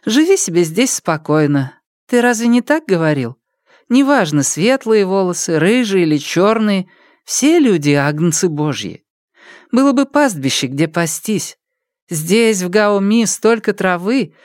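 A man voicing a warm, earthy peasant mother who teases and coaxes a foreign pastor. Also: big pitch swings, a little slow, no room sound, studio quality. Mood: coaxing. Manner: teasing, coaxing, raised higher voice.

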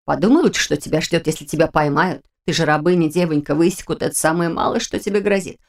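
Woman voicing hoarse old cook, hushed and scolding. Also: quick pace. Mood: worried scolding. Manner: lower, hushed, folksy scolding. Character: fussy elderly woman cook, caring and scolding.

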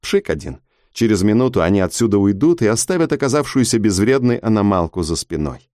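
A man's voice: on the low side, very animated, fairly quick, a little mellow, no room sound, studio quality. A man voicing a frightened young woman, breathless and fearful, at times screaming. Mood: musing. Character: frightened young woman, treasure hunter's partner.

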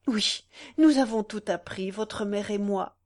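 A woman's voice: medium pitch, measured pace, lightly acted. Woman voicing a distraught noblewoman, breathless and pleading.

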